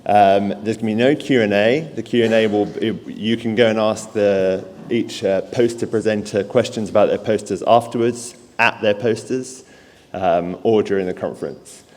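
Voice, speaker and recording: Male session chair, low voice, offhand intros, hall reverb with faint hiss. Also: steady tone, normal speed, a little mellow. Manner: wry, loose, filler-heavy. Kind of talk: introducing speakers.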